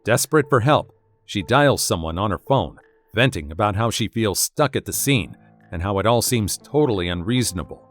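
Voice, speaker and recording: A man's voice: on the low side, animated, moderate pace, faint music behind. A man reading a scripted narration with a wry, dramatic storytelling manner.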